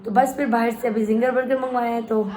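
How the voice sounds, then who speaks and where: A woman's voice: a little high, level tone, fast talker, a little mellow. A woman talking chattily to her viewers in a casual home vlog, filmed on a phone. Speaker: vlogger. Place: home with guests. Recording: busy room with children's noise. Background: children playing and guests chatting.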